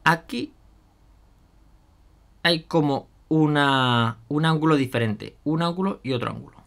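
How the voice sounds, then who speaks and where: Unhurried and fairly high in pitch, with a slightly bright tone, this man's voice guides a hands-on product demo. He's a miniature painting YouTuber, musing aloud with fillers and asides to his viewers.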